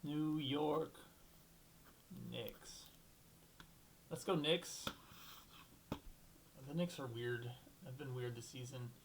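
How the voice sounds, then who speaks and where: A man's voice: mid-range voice, slow pace, pauses often, slight background noise, low-quality recording. A young man hosting a solo basketball talk show, rambling and thinking aloud, restarting sentences and swearing casually.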